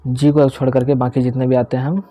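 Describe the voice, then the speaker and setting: Brisk and warm-toned, with little pitch movement, a young man's mid-range voice comes through on a dry recording. Teaching English pronunciation in Hindi with some English, he proceeds step by step, repeats the key words, and often checks in by saying "theek hai".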